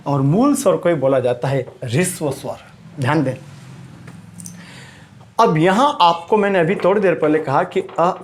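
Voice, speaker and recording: Male teacher, slightly high voice, classroom lesson, quizzes students and drills pronunciation. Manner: quizzes students, repeats key words, stresses pronunciation.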